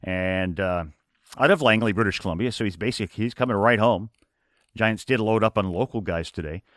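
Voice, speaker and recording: A man's voice: lowish voice, fairly bright tone, dry recording, clean studio sound. A man hosting a sports radio show, rattling off hockey trade details. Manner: rapid rundown of hockey trades.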